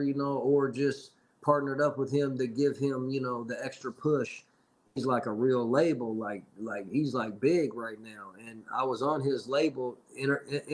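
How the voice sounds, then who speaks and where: A man's voice: mid-range voice, rough recording. Rambling man in his forties. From Seattle. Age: 40s. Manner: rambling, frequent "you know what I'm saying". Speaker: rapper guest. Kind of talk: casual storytelling.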